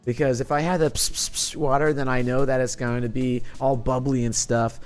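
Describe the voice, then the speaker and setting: A young man streams and chats with his viewers, telling animated stories and acting out his friends' lines. His voice sits at a middle pitch, and he swears freely. Faint music plays behind him. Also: fairly quick. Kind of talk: casual chat to live chat.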